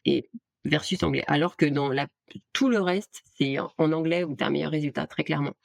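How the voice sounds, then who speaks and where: Gravelly-voiced French-speaking woman. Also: sits low, fairly quick, no room sound, studio quality. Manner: hesitant, many restarts and fillers. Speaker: guest, art director and AI trainer. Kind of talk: casual interview talk.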